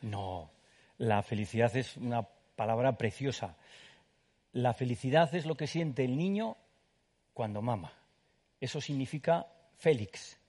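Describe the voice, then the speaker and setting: A man's voice: mid-range voice, expressive, unhurried, long pauses, a little mellow. A man from Spain with a Spanish accent, a guest author speaking enthusiastically at a public book talk. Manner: enthusiastic, explanatory.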